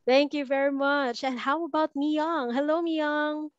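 The host of this online language webinar is a woman from the Philippines with a high, steady voice and an unhurried pace. She comes across as upbeat, welcoming and scripted over muffled video call audio without echo.

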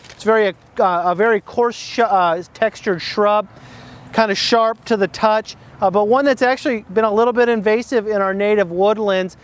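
A man's voice: high voice, fairly even intonation, normal speed, clear, resonant tone. A man hosting a plant identification lesson outdoors, talking off the cuff with many fillers and restarts.

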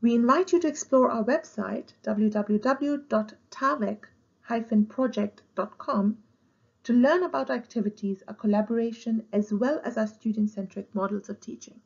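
A woman who is a program director, reading a scripted conference presentation in a measured, formal way. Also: a little high, creaky, muffled recording. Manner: measured, formal read-aloud delivery.

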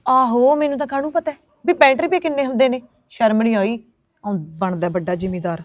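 A woman's voice: fairly high pitch, dry recording. A woman acting a young wife who scolds her husband in a comic web series. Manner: scolding, fast village chatter. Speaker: actor playing a young wife. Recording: dry, muffled lo-fi phone audio.

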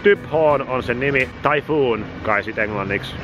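A man vlogging at an amusement park, joking and shouting on the rides, his voice going hoarse. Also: mid-range voice, muffled recording, music in the background. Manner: excited, jokey, shouts on rides. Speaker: YouTuber. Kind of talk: amusement park ride vlog. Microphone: action camera.

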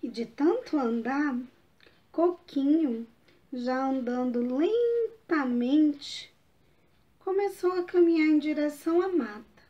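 A woman reading a children's story aloud in a slow, expressive storytelling manner, in a dull lo-fi recording. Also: high voice.

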